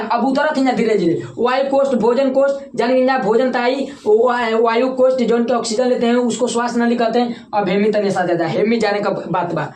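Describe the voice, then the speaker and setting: Woman teacher, Bhojpuri-tinged Hindi accent, fairly high voice, drills terms and quizzes the class, echoey room with faint noise. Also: a little mellow. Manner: repeats key terms and quizzes students for answers. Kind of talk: classroom lecture.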